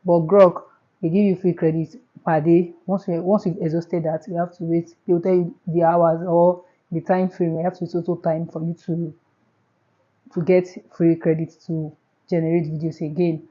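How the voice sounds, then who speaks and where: Nigerian-accented woman, chatty tutorial host, slightly low voice, dull lo-fi sound. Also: little pitch movement, normal speed. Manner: chatty, repeats herself, step-by-step. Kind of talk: casual screen tutorial.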